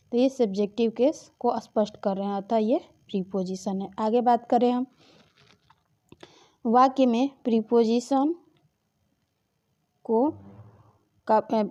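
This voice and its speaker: A woman's voice: fairly high pitch, warm tone, highs cut off. A woman teaching an exam-prep grammar lesson, explaining patiently and often checking in with her students. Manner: explanatory, repeats key points and checks with "ठीक है".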